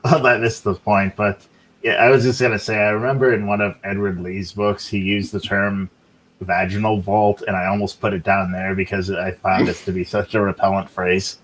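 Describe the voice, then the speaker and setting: Male podcast host with a low voice, crude joking tone. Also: little pitch movement, normal speed, fairly bright tone, a little hiss or hum. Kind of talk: casual podcast chat.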